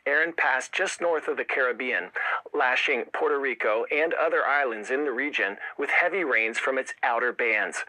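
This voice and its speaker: American guy hosting the news, super bright forceful voice, upbeat and punchy, scripted read. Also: medium pitch, rough recording. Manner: punchy, enthusiastic presenting. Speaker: news anchor.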